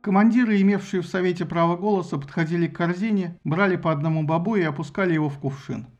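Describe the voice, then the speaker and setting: A man reading an audiobook with lively, ironic storytelling. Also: high-pitched, fast. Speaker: narrator. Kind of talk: audiobook narration.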